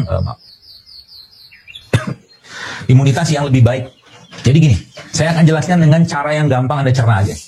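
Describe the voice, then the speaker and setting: A man's voice: medium pitch, mellow, a little hiss or hum. A man from Indonesia giving a health talk to an audience as a doctor, explaining with everyday analogies and a lot of fillers.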